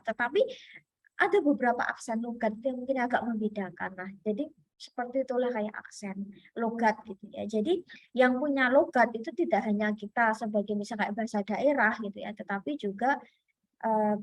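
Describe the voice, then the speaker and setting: A woman lecturer from Indonesia talks her class through the lesson in a chatty way, with many fillers and restarts. Her voice sits somewhat high, and the sound is close and dry, with little room around it. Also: dry recording. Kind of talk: online lecture.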